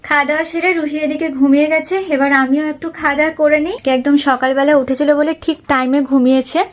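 Very high-voiced doting Bengali mom vlogger. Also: female voice, flat delivery, fast talker, a little hiss or hum. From West Bengal, India. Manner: chatty, doting baby talk to a toddler. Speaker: vlogger, mother. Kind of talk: casual vlog narration. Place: outdoor home courtyard. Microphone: wireless lapel mic.

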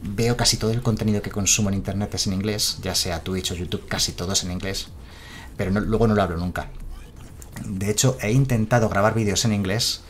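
A man's voice: on the low side, steady tone, brisk, a little hiss or hum. A man from Spain, chatting casually on a live stream and reading out chat messages.

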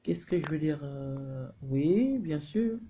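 High-voiced Congolese man streaming live. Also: expressive, takes it slowly, mellow, highs cut off, a little hiss or hum. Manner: repetitive, greets viewers one by one; mixes French and Lingala, heated. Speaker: livestream host. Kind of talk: casual live-stream talk to viewers.

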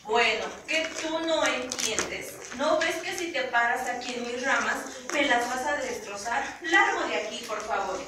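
Old talking tree, woman doing it, mexican accent, slightly high voice, noisy echoey room. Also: expressive, a little slow, few pauses, recorded from a distance. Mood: haughty. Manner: lamenting, later haughty and scolding. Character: old sad then vain talking tree.

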